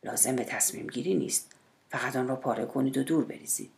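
A woman narrator voicing a shy, hesitant middle-aged male cellist who speaks in a hushed, timid way in an audiobook. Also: a bass voice, voice pushed down. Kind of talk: audiobook character voice.

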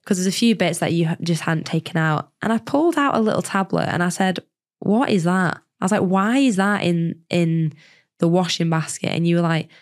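A woman hosting a podcast in casual chat, her voice weak and husky because she is poorly. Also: lowish voice, fast. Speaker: podcast host.

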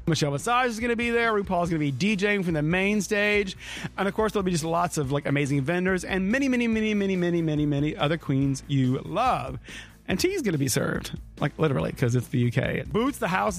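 A man's voice: on the high side, a bit bright. A man hosting in a campy, gushing, chatty way, full of playful drag slang. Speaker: podcast host and interviewer. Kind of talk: gushing, chatty event interview and presenting.

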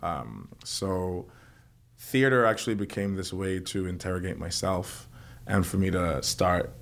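A young man from Trinidad and Tobago, a guest actor telling stories in a podcast interview, animated and building tales with repetition. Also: low-pitched, measured pace, creaky.

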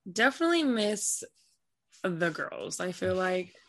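A woman soccer player speaks in a lowish, unhurried voice during an interview, answering in a relaxed manner and filling her sentences with "like" and "you know."

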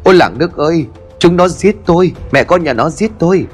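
A man's voice: medium pitch, big pitch swings, normal speed, soft background music, lightly acted. A man voicing a scheming young woman who shrieks abuse and then wails falsely, in a narrated ghost story. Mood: wailing. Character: scheming shrill young woman, daughter-in-law.

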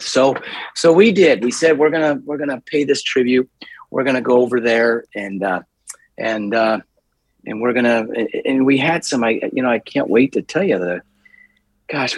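A man with a husky, slightly rough voice tells stories as an interview guest. He rambles and restarts often, and he grows animated as he goes. The recording is close and dry, with no room sound. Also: medium pitch, no echo. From United States. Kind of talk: storytelling in a podcast interview.

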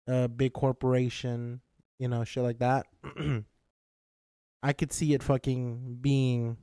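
A man co-hosting a podcast in casual, rambling chat, swearing and clearing his throat often. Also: mid-range voice, little pitch movement, slow, mellow, no room sound, studio quality. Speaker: podcast co-host.

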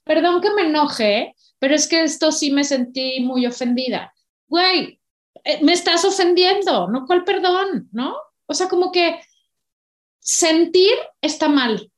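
A woman with a Mexican accent talks bluntly in a casual podcast chat, swearing freely and acting out apologetic voices. Her voice sits high. The room around her is echoey. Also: animated, measured pace. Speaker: podcast co-host. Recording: roomy echo.

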